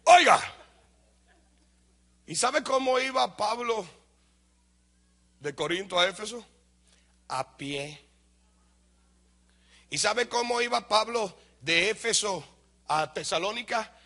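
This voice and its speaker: A pastor with a Dominican Spanish accent, a man from the Dominican Republic, preaches an animated sermon to his congregation at a slow pace with long pauses. He poses questions and answers them himself. He shouts some points for emphasis, then drops into a low aside.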